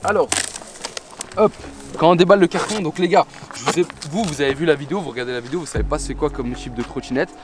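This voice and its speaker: A man's voice: on the high side, fast talker, noisy background. A man vlogging casually in French street slang, addressing viewers as mates while presenting a product. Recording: music behind the voice.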